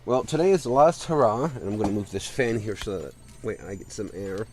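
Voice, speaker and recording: Congested low-voiced male streamer. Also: fairly quick, a little mellow. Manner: rambling, chatty, with fillers and restarts. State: congested and winded. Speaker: streamer playing a game. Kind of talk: casual let's-play commentary.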